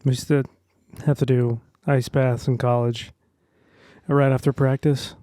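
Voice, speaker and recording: A young adult man chatting as a podcast guest, halting with lots of restarts and fillers. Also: mid-range voice, little pitch movement, mellow, dry recording, clean studio sound. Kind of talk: casual chat.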